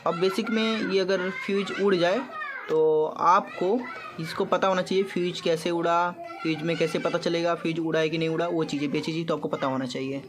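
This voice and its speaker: Brisk and steady in tone, this fairly high-voiced man from Gorakhpur vlogs casually in an eastern Uttar Pradesh accent. He repeats his explanations and keeps checking in with viewers, over noisy, ambient amateur audio.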